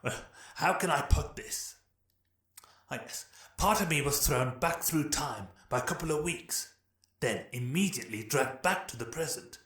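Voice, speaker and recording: A man voicing the Doctor, an eccentric, genteel alien time traveller who talks softly and politely and explains things with many a "well". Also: medium pitch, unhurried, lightly acted. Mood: breezy. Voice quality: polite, fussy, old-fashioned English phrasing. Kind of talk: audiobook character voice. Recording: roomy echo, distant mic, faint music.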